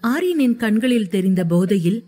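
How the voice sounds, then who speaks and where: A woman reading a romance story aloud in steady scripted narration. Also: medium pitch, normal speed, husky.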